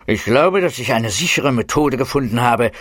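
A man's voice: mid-range voice, lively intonation, normal speed, fairly bright tone, dry recording, studio quality. Man playing a gloating greedy scientist uncle. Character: scheming middle-aged male scientist uncle, greedy and excitable.

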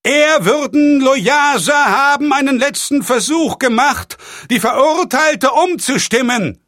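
A man's voice: on the high side, moderate pace, dry recording, clean studio sound, pitched above the performer's own voice. Man doing an unctuous scheming priest. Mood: proclaiming loudly. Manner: flattering, unctuous. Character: smooth, scheming middle-aged male priest.

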